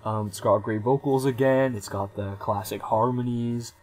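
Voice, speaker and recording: A man's voice: medium pitch, steady tone, normal speed, a little mellow. A young man in his twenties giving a casual, rambling album review, hesitating often with frequent ums and small restarts. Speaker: music reviewer.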